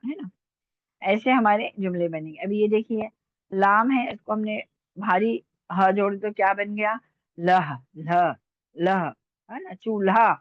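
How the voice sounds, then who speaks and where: A woman's voice: medium pitch, no echo. A woman teaching an Urdu lesson online, patiently sounding out letters and checking that her students follow. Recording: tinny phone-like dry sound.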